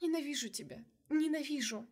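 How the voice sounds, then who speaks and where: A woman's voice: on the high side, a little slow, husky, voice pushed up. Woman reading a tearful, bitter young heroine. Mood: sobbing. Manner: sarcastic, then breaking into sobs. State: crying. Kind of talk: audiobook character voice.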